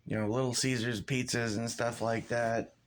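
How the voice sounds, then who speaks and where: A man's voice: mid-range voice, flat delivery, normal speed, a little hiss or hum. A man ranting casually in a vlog, swearing constantly and rambling with restarts and fillers. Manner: profane, rambling, loose and frustrated. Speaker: vlogger. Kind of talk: casual rant to camera.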